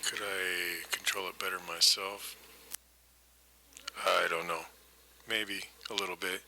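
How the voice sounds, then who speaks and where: A deep, creaky male voice speaks slowly and flatly, thinking aloud in a loose, unscripted demo of vintage audio gear. He's a hobbyist vlogger, rambling, tentative and self-deprecating, heard through an old reel-to-reel recorder microphone with noisy tape hiss.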